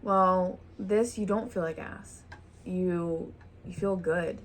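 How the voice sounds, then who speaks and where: A woman's voice: on the low side, steady tone, takes it slowly, slight background noise. A woman hosting a vlog, chatting casually while eating a meal at home. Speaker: vlog host. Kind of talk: casual chat over a meal.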